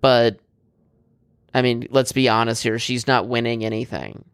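A man's voice: mid-range voice, fairly even intonation, moderate pace, vocal fry, clear, resonant tone, no room sound, clean studio sound. A man co-hosting a casual political chat, blunt and opinionated, swearing freely and rambling with fillers and restarts.

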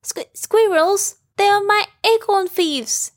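Timid little storybook piglet, stammering and very high, voiced by a woman. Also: slow pace, no echo, studio quality. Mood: startled. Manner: stammering, squeaky.

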